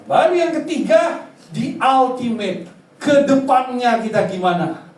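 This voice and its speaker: Male pastor, playful sermon delivery with quick mimicked asides; distant mic, roomy hall. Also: very high-pitched, animated, darkish tone. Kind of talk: lively preaching with acted-out anecdotes.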